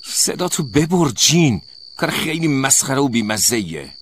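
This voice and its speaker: A man voicing a tired, irritable young woman student who gets loud and agitated, in a noisy recording. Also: animated, full character voice. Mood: angry. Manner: raised pitch, loud and agitated.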